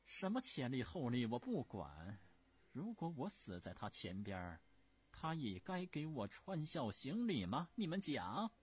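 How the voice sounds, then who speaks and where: A male storyteller voicing an imperious, furious old empress dowager who scolds in a shrill, haughty voice. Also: sing-song, measured pace, hardly any pauses.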